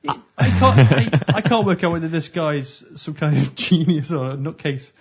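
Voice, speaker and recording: A man's voice: fairly high pitch, moderate pace, a little mellow, slightly rough. A man co-hosting a podcast in casual comedic chat, reading out quotes with dry asides. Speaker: podcast co-host. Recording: muffled lo-fi podcast audio.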